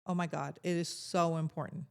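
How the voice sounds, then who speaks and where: A woman's voice: sits low, fairly even intonation, fairly quick, gravelly, clean tone. A middle-aged woman co-hosting a casual talk, speaking in an earnest, emphatic way with frequent restarts. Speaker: podcast co-host. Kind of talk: casual chat.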